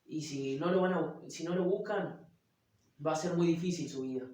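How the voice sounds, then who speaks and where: A young man with an Argentine Spanish accent, giving an animated faith testimony as a church guest and acting out the voices in his story. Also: a little high, normal speed. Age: young adult. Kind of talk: testimony in interview. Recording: very echoey room, mic far off.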